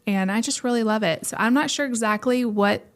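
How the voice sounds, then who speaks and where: A woman's voice: a little high, fairly quick. A woman in her thirties co-hosting a podcast with her husband, talking earnestly and rambling with lots of fillers. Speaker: podcast co-host. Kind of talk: casual chat.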